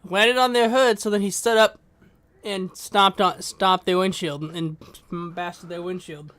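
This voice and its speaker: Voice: mid-range voice, fairly even intonation, unhurried, fairly bright tone. A speaker in casual chat, chiming in and eagerly recounting things they have seen.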